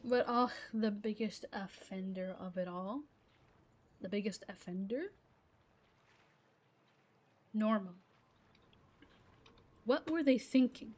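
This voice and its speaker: Speaking slowly with frequent pauses, this woman has a mid-range, somewhat dark voice. She's a gaming vlogger, a native Arabic speaker, venting to her viewers in a meandering, frustrated rant that keeps breaking off partway through sentences.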